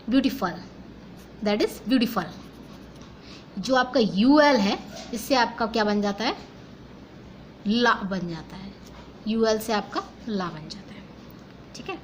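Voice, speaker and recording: A woman's voice: on the high side, slight background noise, low-quality recording. A young woman with an Indian English accent, teaching phonetics step by step, asking and answering her own questions and mixing Hindi and English. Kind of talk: phonetics lesson.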